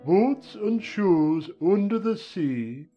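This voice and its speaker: A man's voice: high voice, animated, slow pace, warm tone, lo-fi sound, soft background music, exaggerated voice. A man voicing a solemn, impatient male Gryphon who bosses others around, in a dramatized audiobook. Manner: blunt, impatient, bossy.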